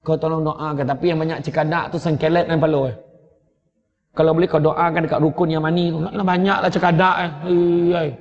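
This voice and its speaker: A man's voice: a little high, fairly quick. A man with a Malaysian Malay accent giving a humorous sermon as a preacher, telling stories and acting out scenes as he goes. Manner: lively storyteller acting out scenes. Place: mosque or prayer hall. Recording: echoey hall, dull lo-fi sound.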